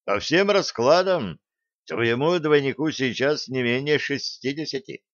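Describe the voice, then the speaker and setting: A man voicing a tough, phlegmatic male admiral in a sci-fi audiobook, speaking calmly and gruffly. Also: mid-range voice, measured pace, no echo, pitched above the performer's own voice, lightly acted. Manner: calm, gruff, dry. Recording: dull lo-fi dry recording.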